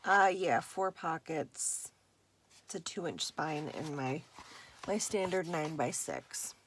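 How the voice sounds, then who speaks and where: A woman showing her handmade journals in a casual vlog, relaxed and unhurried, with a husky morning voice and some throat clearing. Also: sits low, slight background noise. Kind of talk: casual show-and-tell vlog.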